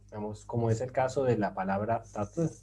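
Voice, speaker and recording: A man teaching a grammar lesson, patient and explanatory, often checking in with his listeners and pausing on fillers as he writes. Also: lowish voice, over music, low-quality recording. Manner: patient, rhetorical questions, many fillers. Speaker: language teacher. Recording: faint background noise.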